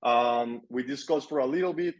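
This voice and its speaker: A young Colombian man, a guest who owns an agency, chats casually in an interview. His mid-range voice moves at a moderate pace, and he sounds relaxed, repeating words for emphasis.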